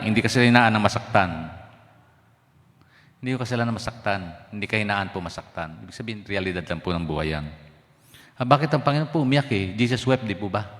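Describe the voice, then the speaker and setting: A middle-aged pastor preaches at a brisk clip, moving quickly from line to line. He drops from forceful emphasis to near-whispered asides, mixing two languages. His voice trails off into the long reverb of a church sanctuary. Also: fairly low pitch. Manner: mixes Tagalog and English, swings from loud to hushed. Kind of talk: sermon.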